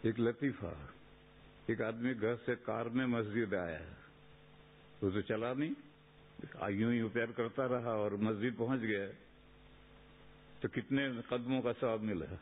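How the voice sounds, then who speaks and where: A man's voice: mid-range voice, fairly even intonation, pauses often, slight background noise. A man preaching in a mosque in a conversational way, asking rhetorical questions and reciting Arabic sayings. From India. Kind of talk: sermon in a mosque. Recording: tinny phone-like lo-fi recording.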